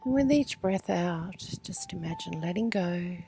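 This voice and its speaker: A woman guiding a meditation outdoors at a retreat, speaking slowly and soothingly and often sinking into soft whispers. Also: lowish voice, expressive, vocal fry. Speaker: meditation guide. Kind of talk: guided meditation. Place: outdoor retreat under a pyramid structure. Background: instrumental music.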